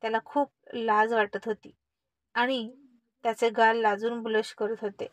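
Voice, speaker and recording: A woman narrating a family story in a lively, expressive reading style. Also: on the high side, unhurried, no room sound.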